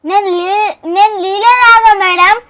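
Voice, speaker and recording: A very high, childish girl's voice. She whines and pleads in a playful village comedy skit, as if begging to get out of trouble. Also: fairly even intonation, normal speed, a bit bright, no room sound. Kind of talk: playful sketch acting.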